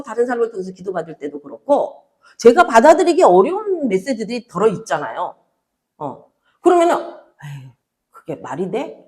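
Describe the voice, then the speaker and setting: An older woman pastor preaching a sermon. She speaks in a chatty, conversational way, telling stories and acting out dialogues. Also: high voice. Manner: animated storytelling, acting out dialogue in different voices.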